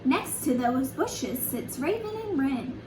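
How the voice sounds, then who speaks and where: Reading a picture book aloud to small children, a woman who works as a storyteller and early years educator sings her lines and chats to her listeners between pages. She speaks slowly in an expressive, high voice, picked up by a far-off mic in a roomy space with slight background noise.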